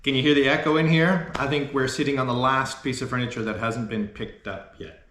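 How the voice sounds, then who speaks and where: A man's voice: medium pitch, steady tone, a little fast, fairly bright tone. A man hosting a casual vlog in a chatty, rambling way, in an empty apartment that echoes like a stairwell. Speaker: vlog host. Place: almost empty apartment, indoors. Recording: echoey bare room, like an echoing stairwell.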